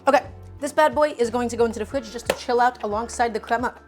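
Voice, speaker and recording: A cooking streamer whose first language is Russian casually demonstrates a recipe live from her home kitchen, chatting and answering viewer chat as she cooks. Her voice is on the high side and fast, with music in the background.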